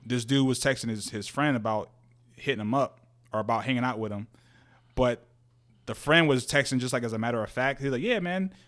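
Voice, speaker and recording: A man's voice: medium pitch, a bit bright. A young man co-hosting a podcast, talking loosely and with a lot of swearing. He tells stories with laughter and acts out quoted lines. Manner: loose, profane storytelling that slips into quoted voices; laughs often while talking. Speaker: podcast co-host. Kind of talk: casual chat.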